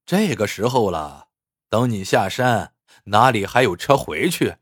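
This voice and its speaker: A man's voice: lowish voice, very animated, a little slow, husky, no room sound, clean studio sound, full character voice. A man voicing a sly, scheming fake Taoist priest who talks in a mocking, sing-song way.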